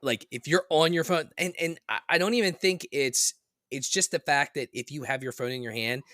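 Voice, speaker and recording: A man's voice: a little high, moderate pace, no room sound, clean studio sound. A man co-hosting a podcast in casual chat, talking loosely with lots of "like" and "dude". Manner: excited, laid-back, lots of "like" and "dude". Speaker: podcast co-host.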